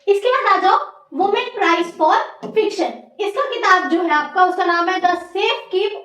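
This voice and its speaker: Casting note: young Indian woman, very high voice, loud exam-coaching teacher, echoey room, heard from far off. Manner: talks loudly over background noise, many "theek hai" checks. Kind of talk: exam-prep class lecture. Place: teaching room near construction work.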